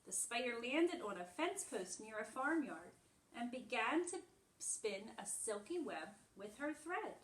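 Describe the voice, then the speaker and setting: Speaking unhurriedly in a somewhat high, very animated voice, a woman preschool teacher reads a story to small children and explains it in simple, demonstrative terms. It's recorded from a distant mic in an echoey room.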